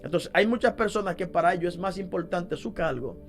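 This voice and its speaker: Man, deliverance minister, sermon, emphatic, rhetorical questions, very high pitch, faint background music. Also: a little fast.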